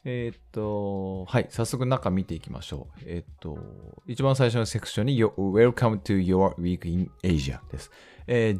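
A man from Japan hosting a solo podcast, thinking aloud with frequent hesitant fillers as he slowly reads and explains English news lines. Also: fairly low pitch, creaky, a little mellow. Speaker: podcast host.

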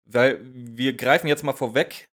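A man's voice: medium pitch, unhurried. Joking man in casual podcast chat. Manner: relaxed, joking, interrupts, hesitant fillers. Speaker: podcast co-host. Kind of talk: casual chat recapping a radio play episode.

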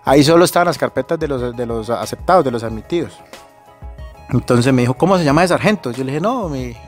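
A man's voice: medium pitch, lively intonation, a little fast, faint music behind. A man with a Colombian accent telling a personal story in casual speech, acting out the dialogue and calling the listener brother, his voice slightly shaky with emotion. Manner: conversational, acts out quoted dialogue, says brother often.

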